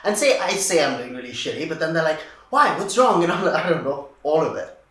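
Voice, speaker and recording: A man's voice: a little high, big pitch swings, quick pace, fairly bright tone. An actor playing a young man who rambles wryly and laughs through his grief after his mother's death. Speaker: actor in a showreel scene. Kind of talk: comic monologue. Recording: echoey room.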